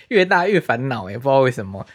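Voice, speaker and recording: A man's voice: medium pitch, big pitch swings, fairly bright tone. A man, co-hosting a podcast in chatty, reactive casual talk. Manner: chatty, reactive, quick to laugh. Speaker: podcast co-host. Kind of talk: casual chat.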